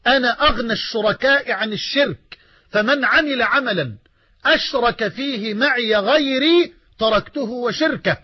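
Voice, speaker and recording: Husky high-voiced Egyptian preacher. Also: male voice, normal speed, dry recording, dull audio. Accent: Egyptian Arabic. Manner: fervent, swings between soft pleading and loud emphasis. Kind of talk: sermon.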